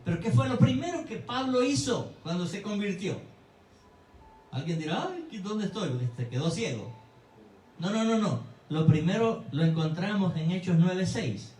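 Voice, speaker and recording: A man preaching a sermon as pastor, emphatic and fervent, with sudden swings in pitch. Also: lively intonation, moderate pace, darkish tone, roomy sound, far from the mic, poor audio. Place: church sanctuary.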